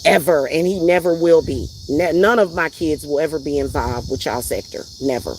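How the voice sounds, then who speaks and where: A woman's voice: deep voice, moderate pace, darkish tone, slight background noise. Woman, heated vlog rant, emphatic and repetitive, profane, faint crickets outside. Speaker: vlogger and spiritual reader.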